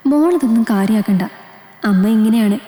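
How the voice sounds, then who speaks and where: Worried caring mom, mellow dark voice, woman reading her lines. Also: fairly high pitch, normal speed, echoey room, big-room sound, natural voice. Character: caring middle-aged mother.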